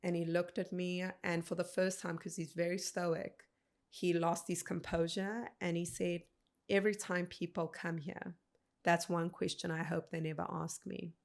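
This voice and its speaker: A woman in her thirties from South Africa, a podcast guest telling a personal story in an earnest, measured way, quoting what people said. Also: lowish voice, little pitch movement, creaky. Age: 30s.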